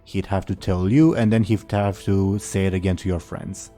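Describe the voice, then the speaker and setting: A man's voice: deep voice, fairly even intonation, moderate pace, warm tone, faint music behind. A man running a tabletop game as game master, narrating casually.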